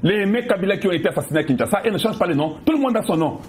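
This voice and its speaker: This Congolese commentator's voice sits high and sounds animated as he talks rapid-fire, with a little hiss or hum underneath. With his Congolese French accent, he addresses viewers in a fervent political monologue from the DRC, driving his points home emphatically through sharp rhetorical questions.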